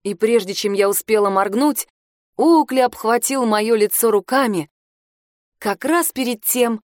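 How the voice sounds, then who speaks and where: A woman's voice: on the high side, unhurried, darkish tone, no echo. Woman narrating a novel, dry sound. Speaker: audiobook narrator.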